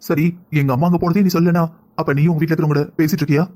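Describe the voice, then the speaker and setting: A man voicing family-drama cartoon characters with a quick, scolding delivery. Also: a little high, level tone, a little mellow. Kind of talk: Tamil cartoon voice acting.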